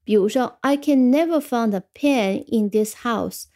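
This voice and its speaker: Mellow-voiced woman teaching English words. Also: on the high side. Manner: reads English example sentences slowly, then explains them; ends phrases with the filler "啊". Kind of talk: radio vocabulary lesson.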